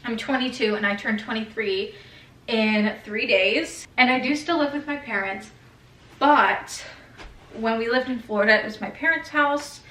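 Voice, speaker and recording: Young female vlogger, casual and profane, higher voice, roomy off-mic sound. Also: a little slow, a bit bright, far from the mic. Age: 20s. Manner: chatty, swears casually, trails off and restarts. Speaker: lifestyle vlogger. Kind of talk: casual vlog chat. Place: bedroom at home.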